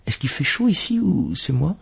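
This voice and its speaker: A man voicing a very fat, polite male diner who talks softly and a little breathlessly. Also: on the high side, big pitch swings, moderate pace, gravelly, breathy edge, pitched above the performer's own voice, full character voice.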